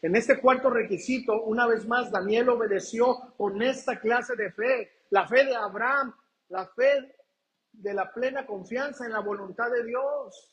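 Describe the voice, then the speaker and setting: A man preaching a sermon, asking the congregation questions and reading scripture slowly. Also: very high voice, fairly bright tone, low-quality recording. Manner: reads scripture aloud slowly and deliberately. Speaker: pastor.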